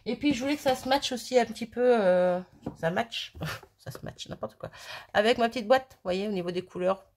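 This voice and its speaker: A woman's voice: on the high side, a little fast, darkish tone, slight background noise. A woman chatting casually as she shows her crafts, rambling and poking fun at herself. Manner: chatty, rambling, self-mocking with little laughs. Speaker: crafting video host.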